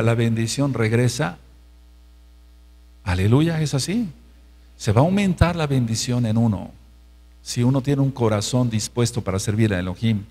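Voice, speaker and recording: A man's voice: medium pitch, a little mellow, husky. A man with a Mexican Spanish accent, a pastor teaching a sermon-style Bible study, who repeats phrases for emphasis and keeps asking his listeners if they follow. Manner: emphatic, repeats phrases, asks the congregation questions.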